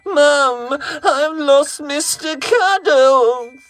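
A man putting on a small boy's high, shouty voice, a careless little kid calling for his mother from across the house. the pitch jumps well above the performer's own, and it sounds slightly distant. it's a bedtime storybook voice. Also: sing-song, drawn-out words, exaggerated voice. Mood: panicked. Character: little boy Tommy, frantic about lost toys.

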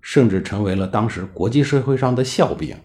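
Deep-voiced male history storyteller. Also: expressive, darkish tone. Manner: colloquial, with chatty drawn-out particles. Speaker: history podcast narrator. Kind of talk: storytelling narration.

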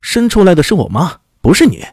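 A man's voice: high voice, wildly swooping pitch, fairly quick, darkish tone, slightly rough, no room sound, clean studio sound, pitched above the performer's own voice, full character voice. A man voicing a stubborn, hot-headed young son who talks back in a raised voice. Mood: defiant. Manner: defiant, raised voice, talking back.

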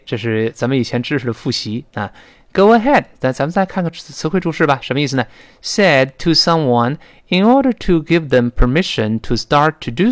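A man teaching spoken English with a Chinese accent, explaining slowly and drilling words again and again. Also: mid-range voice. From China.

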